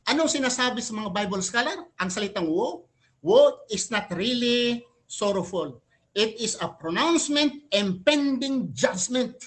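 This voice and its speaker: During a live religious debate, a man with a very high, somewhat bright voice argues his side expressively and a little slowly. He speaks emphatically and keeps firing off rhetorical questions. He switches between Tagalog and English mid-sentence.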